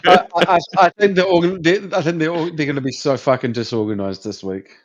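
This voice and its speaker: A man's voice: a little high, brisk, highs cut off. A man chatting casually about sport as a podcast co-host, blunt and sweary with plenty of slang.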